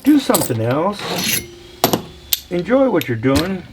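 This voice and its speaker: A man's voice: high-pitched, sing-song, a little slow, heavy background noise. A man, casually demonstrating engine balancing in a workshop in a playful, chatty way. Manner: chatty, playful, talks to viewers as y'all. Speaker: machinist teaching engine balancing. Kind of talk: casual hands-on shop demonstration.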